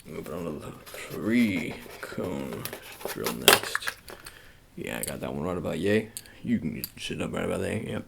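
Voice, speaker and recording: Playing an agent in a relaxed ASMR roleplay, this man gives soft, gravelly, repetitive instructions with a hesitant, low-key feel. His delivery is sing-song and measured, and the recording is very noisy.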